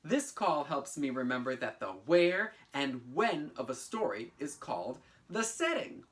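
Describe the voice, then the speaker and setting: Speaking a little slowly in a mid-range voice, this thirtysomething teaching artist leads a kids' lesson of stories and instructions indoors in his bedroom. He's lively and theatrical, with crisp enunciation and sing-song chanting.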